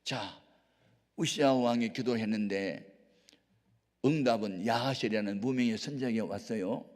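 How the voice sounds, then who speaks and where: A man pastor delivers an animated sermon, retelling scripture with dramatic swings from hushed remarks to ringing shouts. His mid-pitched voice carries a long reverberation in a large prayer retreat hall. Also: moderate pace.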